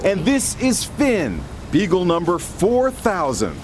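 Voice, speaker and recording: A man's voice: high-pitched, wildly swooping pitch, slow, noisy background. A man narrating a scripted tabloid TV feature as a reporter, with dramatic, punchy delivery. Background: music bed.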